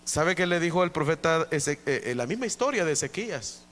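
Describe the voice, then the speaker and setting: Male pastor, high and bright voice, emphatic repetitive preaching in an echoing church. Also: very animated, brisk. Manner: emphatic preaching with many repetitions, often addressing listeners as brother. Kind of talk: evangelical sermon. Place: church during an evening service.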